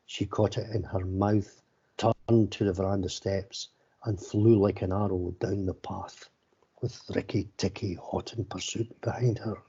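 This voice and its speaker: Stiff, even-toned man reading a story aloud. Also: low-pitched, husky. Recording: slightly dull, lo-fi sound.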